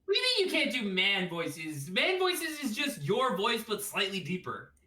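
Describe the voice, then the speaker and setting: Bright, playful woman voicing game men. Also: huge pitch swings, normal speed. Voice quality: swearing, playful, puts on a deeper voice for men. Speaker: let's play co-host voicing game characters. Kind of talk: casual game playthrough with character voices.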